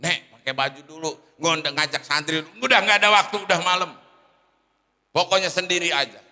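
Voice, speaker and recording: A man's voice: on the high side, brisk, bright, forceful tone, voice pushed up. A man doing a reluctant village preacher. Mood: puzzled. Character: casual young village preacher, reluctant then eager. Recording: long hall reverb.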